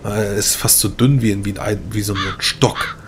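A man's voice: lowish voice, moderate pace, noisy background. A man narrating as game master of a tabletop game, hesitant with many fillers.

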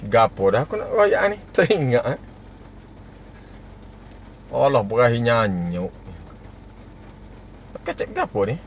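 A man's voice: mid-range voice, big pitch swings, slow, long pauses, lo-fi sound, slight background noise. A man hosting a casual live stream, greeting viewers by name and chuckling often.

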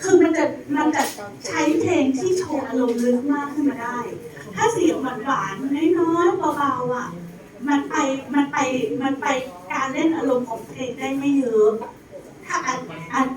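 A woman's voice: sits high, normal speed. A woman teaching a singing class to a group, talking in a chatty way, asking them questions and singing short bits as examples. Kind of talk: lively singing lesson to a group. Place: community health center hall with older members. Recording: echoey room, far from the mic, chatter around.

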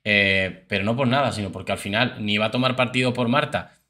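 A man's voice: lowish voice, a little fast, pushed and bright. A man giving chatty, opinionated commentary on reality TV clips as host.

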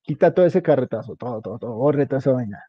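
A man's voice: medium pitch, expressive, rapid-fire, breathy edge, dry recording, highs cut off. A man, coaching a student step by step in an informal, casual way and spelling out small details. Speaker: instructor. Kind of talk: guiding a student through a web page setup.

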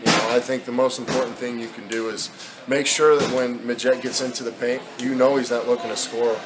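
A man's voice: medium pitch, flat delivery, a little fast, background noise. A man in his thirties, a basketball head coach, talking candidly with many fillers in a postgame press interview. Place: indoor press backdrop at an arena.

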